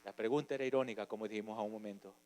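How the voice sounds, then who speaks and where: A man preaching a sermon, passionate, moving from quiet storytelling to loud urging. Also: lowish voice, fairly even intonation, racing.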